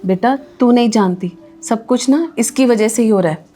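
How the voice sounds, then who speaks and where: A woman's voice: on the high side, moderate pace, mellow, faint music behind, natural voice. A woman playing a domineering mother-in-law who scolds and commands her family in a short film. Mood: scolding. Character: harsh domineering mother-in-law, grandmother figure. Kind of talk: Hindi short film acting.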